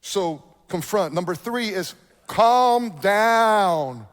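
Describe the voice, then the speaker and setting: A man preaches a sermon from the pulpit, his voice sitting notably high. He drives home each point by saying it twice. The sound carries a long reverb from the church hall. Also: extremely slow. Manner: animated preaching with repeated key points. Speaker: pastor. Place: church sanctuary.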